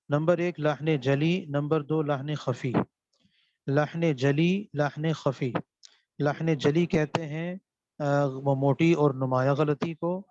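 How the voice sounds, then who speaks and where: Here a seminary teacher from Pakistan lectures on reciting the Quran, posing questions to the class that he then answers, repeating the important terms. His voice is on the high side and a little mellow, captured without echo in a dull, dry, lo-fi recording.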